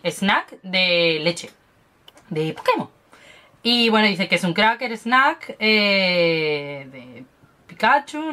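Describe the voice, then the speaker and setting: A young woman chats at home in a casual unboxing vlog. Her voice sits at an ordinary middle pitch, and she gushes happily over everything she opens, piling on diminutives. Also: fairly bright tone. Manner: chatty, gushing over cute snacks, lots of diminutives. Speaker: beauty and snack vlogger.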